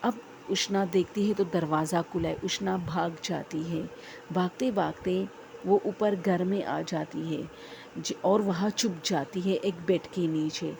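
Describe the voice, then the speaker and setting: A woman with a low, heavily gravelly voice narrates a horror story in a calm, even manner. Her tone is dark and mellow, and a faint hiss sits under the recording.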